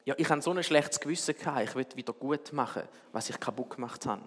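A man voicing a young boy who speaks in a hurried, anxious way. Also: mid-range voice, slightly rough, natural voice. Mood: guilty. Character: frightened guilty young boy. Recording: long hall reverb.

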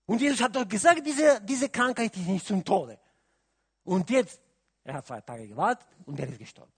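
A male preacher with a high, husky voice. He talks to his congregation and keeps asking them questions. His delivery swings between soft, thoughtful stretches and loud, emphatic calls. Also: expressive, normal speed. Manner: asks the audience questions, adds "oder?" often. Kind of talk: sermon.

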